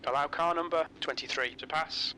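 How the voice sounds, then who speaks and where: A man voicing a calm race spotter and crew chief who gives terse pit radio calls in clipped, flat phrases. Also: fairly high pitch, moderate pace, poor audio. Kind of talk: prerecorded game announcements. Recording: loud race engine noise. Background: racing car engines.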